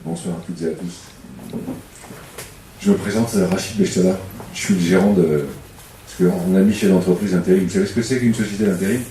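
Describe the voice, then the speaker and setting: A man's voice: low-pitched, steady tone, brisk, warm tone, far from the mic, slight background noise. Joking man, echoey hall from afar. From Paris suburbs, France. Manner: humorous, self-mocking, chatty with the audience. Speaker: temp agency manager speaking at a public debate. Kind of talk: joking public talk. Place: community hall.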